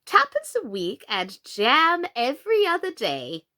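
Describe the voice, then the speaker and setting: A woman's voice: high voice, wildly swooping pitch, unhurried, sharp tone, pitched above the performer's own voice, heavily acted. A woman voicing a flustered, helpless, melancholy storybook queen who groans, sighs and speaks emphatically. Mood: insistent. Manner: groaning, sighing, dotty, emphatic delivery.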